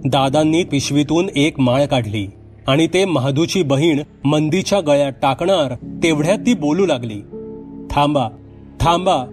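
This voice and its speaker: Guy telling a spooky bedtime story, steady and dramatic, quiet music under it. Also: on the high side, normal speed. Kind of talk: scripted horror story narration. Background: faint music.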